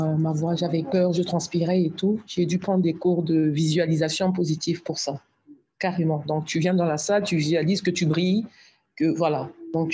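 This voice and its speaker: Mellow-voiced woman telling an anecdote. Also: fairly low pitch, highs cut off, a little hiss or hum. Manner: lively storyteller, quotes others. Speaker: club member giving a testimony. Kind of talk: personal anecdote.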